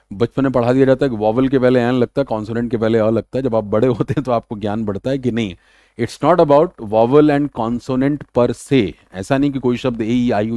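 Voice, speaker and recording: Mellow-voiced male grammar teacher. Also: medium pitch, no echo, clean studio sound. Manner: casual, chatty explaining that mixes Hindi with slow, deliberate English. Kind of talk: exam-prep grammar lesson.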